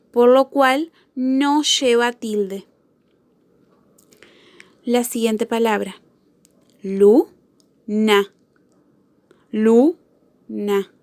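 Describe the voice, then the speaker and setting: Lady teacher, spelling lesson for kids, real slow, kinda high voice, dry sound. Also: no room sound. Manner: slow, repeats each example word carefully.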